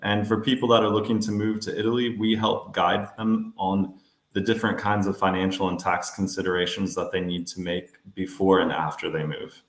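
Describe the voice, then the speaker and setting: A low-pitched American man in his thirties, a financial adviser, presents a webinar at a moderate pace, explaining steadily with some fillers. The room sounds echoey.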